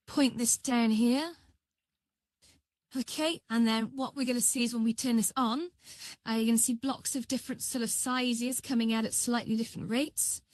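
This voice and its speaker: A woman's voice altered by a voice changer, hosting a casual live software tutorial in a halting, think-aloud way. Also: a little high, dry recording. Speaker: livestream tutorial host.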